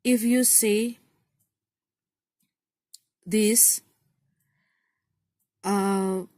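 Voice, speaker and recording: A woman's voice: mid-range voice, steady tone, very slow, warm tone, dry recording. A woman giving a casual tarot reading to her viewers, encouraging, repeating phrases and often saying "you know". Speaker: tarot card reader.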